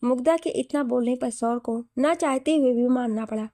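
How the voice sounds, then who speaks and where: Woman storyteller, mellow and dry. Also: high voice, normal speed, no echo. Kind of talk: scripted story narration.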